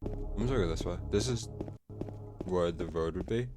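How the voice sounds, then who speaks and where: A man's voice: sits low, moderate pace. A man giving casual, sweary commentary on a video game he is playing, with a sardonic, exasperated way of talking. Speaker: gamer commentating own playthrough. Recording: game music behind the voice. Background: video game music and sound.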